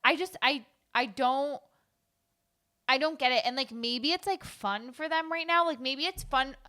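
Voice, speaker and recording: A young woman co-hosting a podcast in casual chat, animated and incredulous, laughing often. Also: sits high, unhurried. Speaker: podcast co-host.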